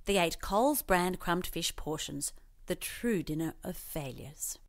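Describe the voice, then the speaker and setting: A woman with a fairly low voice reads a scripted children's storybook as a parody, narrating at a measured pace in an expressive, mock-earnest way.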